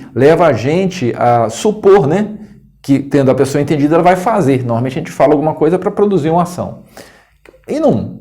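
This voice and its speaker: A Brazilian man at mid pitch gives a casual lesson straight to camera, speaking in a loose, conversational way. He checks in with his listeners often and acts out tones of voice with a laugh. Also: warm tone. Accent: Brazilian Portuguese. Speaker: coach and educator. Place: indoors, room with scouting decor corner.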